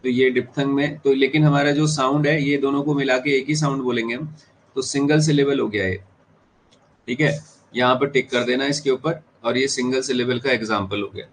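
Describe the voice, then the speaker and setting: A man's voice: medium pitch, steady tone, moderate pace, a little hiss or hum, low-quality recording. A man with an Indian accent teaching an exam-prep class, switching between Hindi and English, repeating key terms and checking whether students follow. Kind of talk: classroom lecture.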